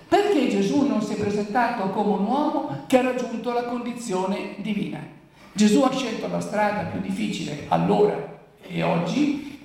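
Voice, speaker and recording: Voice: mid-range voice, gravelly, a little mellow. A preacher giving a Bible commentary talk who poses rhetorical questions and then answers them. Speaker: preacher explaining the Gospel. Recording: very echoey room, voice from far off.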